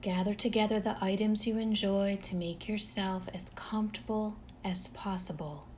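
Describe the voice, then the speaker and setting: There's a little hiss or hum behind a woman who guides a relaxation meditation at medium pitch. Her delivery is soft, tranquil and slow, with lengthy pauses between phrases.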